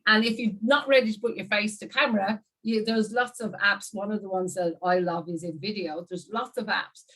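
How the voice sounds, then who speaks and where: An Irish woman hosting an interview over a video call, chatting in a lively way and speaking straight to her viewers. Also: mid-range voice, normal speed. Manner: lively, addresses viewers directly. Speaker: host. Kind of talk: casual interview chat.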